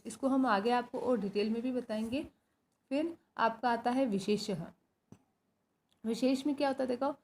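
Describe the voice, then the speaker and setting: A woman's voice: a little high, darkish tone, a little hiss or hum. A woman teacher with a Rajasthani Hindi accent, explaining grammar step by step and answering her own questions. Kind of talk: grammar lesson. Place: school.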